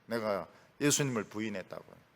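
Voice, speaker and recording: A man's voice: fairly low pitch, normal speed. A middle-aged man preaching a sermon as a pastor, telling stories with humor and acting out quotes. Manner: storytelling with acted quotes and humor, voice rising and dropping sharply.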